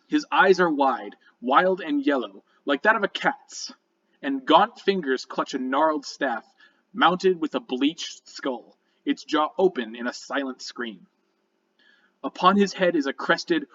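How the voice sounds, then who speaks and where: A man with a bright, slightly high voice runs a tabletop game. He tells the story dramatically and deliberately, leaning into dread. The recording is a little dull and lo-fi. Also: distant mic. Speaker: game master.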